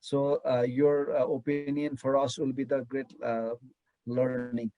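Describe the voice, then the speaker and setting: A man's voice: mid-range voice, little pitch movement, measured pace, no echo, muffled recording. A man chairing an online academic panel, speaking hesitantly with many fillers and restarts over a video call. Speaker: session chair.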